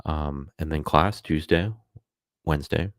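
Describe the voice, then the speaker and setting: A man's voice: very deep voice, a little slow, no room sound, clean studio sound. A man talking casually on a live stream, rambling with many fillers and self-corrections.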